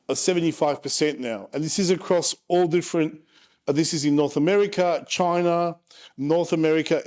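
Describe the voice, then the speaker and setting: A property investment presenter in his forties casually walks through charts with a frank manner and joking asides. His voice is a little high with a darkish tone.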